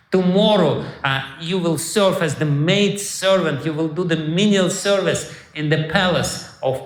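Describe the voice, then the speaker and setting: A man's voice: high voice, a bit bright, full character voice. A man voicing a spiteful, scheming old maidservant woman who scolds and insults, in an echoey hall.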